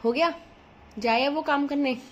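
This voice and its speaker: A woman's voice: high-pitched, a little slow. Woman scolding her dog in baby talk. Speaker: vlogger. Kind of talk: casual home vlog, talking to pets. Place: home.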